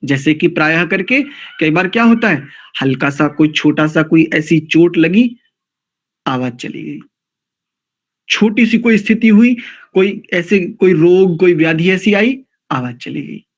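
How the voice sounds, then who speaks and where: Slow, deliberate man teaching scripture. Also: on the high side, lively intonation. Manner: deliberate, corrects pronunciation, chants Sanskrit mantras slowly. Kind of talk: religious class lecture. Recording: dull lo-fi recording.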